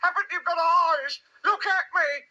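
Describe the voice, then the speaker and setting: Piglet, a squeaky anxious little pig. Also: male voice, fairly even intonation, moderate pace, pushed and bright, dull audio, exaggerated voice. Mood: indignant. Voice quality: squeaky, high-pitched. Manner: plaintive, spluttering protest.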